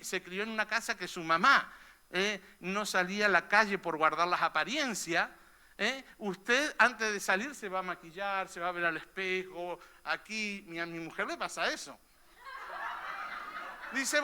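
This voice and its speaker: Male pastor, very high, sharp, bright voice; chatty sermon full of "eh?" tags. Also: clear, resonant tone. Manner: conversational preaching, frequent "¿eh?" tags. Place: church hall.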